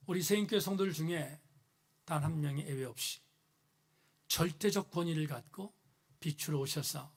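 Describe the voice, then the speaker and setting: A man with a notably high voice delivers a sermon as pastor. His phrases build in earnest emphasis and then settle. He is speaking in a church.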